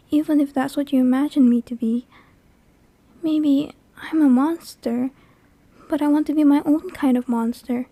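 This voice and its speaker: In an ASMR roleplay, a woman voices a lonely, clingy female sleep paralysis demon, speaking softly and breathily, often close to a whisper. Her high voice is tentative, hesitant and intimate, recorded dry on a close microphone with no echo.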